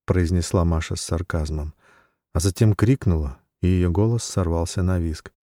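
Deep-voiced male story narrator. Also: mellow, no echo, studio quality. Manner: measured storytelling. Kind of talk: audiobook narration.

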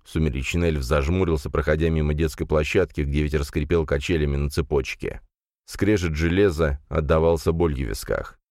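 A man with a very low voice narrates a fantasy audiobook. He reads in a measured, dramatic way. The recording is close and dry. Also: a little mellow, no echo.

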